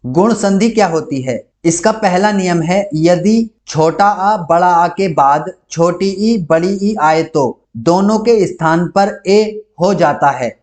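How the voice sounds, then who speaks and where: A man with a fairly high voice teaches an online grammar class. He works through every rule and example in the same patient, step-by-step way, speaking close to the mic. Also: a little mellow. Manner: methodical, repeats each rule step by step.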